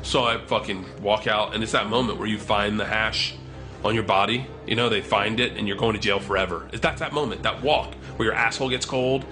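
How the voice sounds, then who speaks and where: A young man telling a comic story in an animated, profane way, acting out the voices of the people in it. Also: fairly low pitch, fairly quick, soft background music. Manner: profane, animated, acts out quotes.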